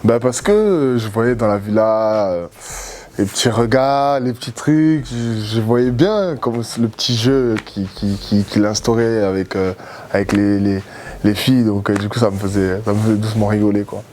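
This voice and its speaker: A young man from Cameroon, a former reality show contestant, answering interview questions in a relaxed, rambling way with many fillers and repeated words. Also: lowish voice, moderate pace, a little hiss or hum.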